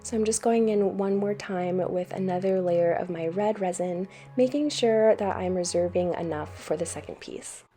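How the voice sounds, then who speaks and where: An American woman narrating a craft tutorial as a voice-over, explaining each step in a calm, instructional way. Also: fairly low pitch, normal speed, hardly any pauses, soft background music. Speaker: craft channel host.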